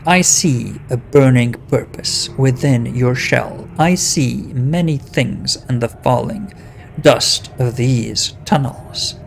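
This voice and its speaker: A man voicing an ancient, solemn talking stone face from a fantasy game, creaky, with a slow, grave, drawn-out delivery. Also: mid-range voice. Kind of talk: dramatic reading of fantasy game dialogue. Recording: noticeable background noise.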